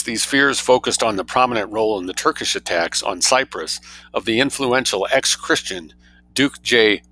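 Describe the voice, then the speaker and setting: Male reader, lowish pitch, bright forceful tone. Reads academic prose as if dictating, every reference and quote mark spoken. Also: dry recording, low-quality recording. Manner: dictating, speaks quote marks, citations and spellings aloud. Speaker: narrator reading a scholarly book aloud. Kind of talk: reading a scholarly text aloud.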